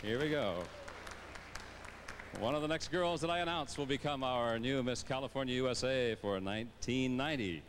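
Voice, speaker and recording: A man's voice: mid-range voice, normal speed, pauses often, a crowd in the background, noisy background. A middle-aged man announcing live on stage as a pageant host, on a handheld microphone. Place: large pageant theater stage.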